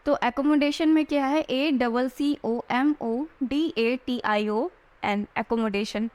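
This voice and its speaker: High-voiced woman teaching spelling. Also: a little mellow. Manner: spells words out letter by letter, slowly; frequent "theek hai" check-ins. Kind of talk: exam-prep spelling lesson.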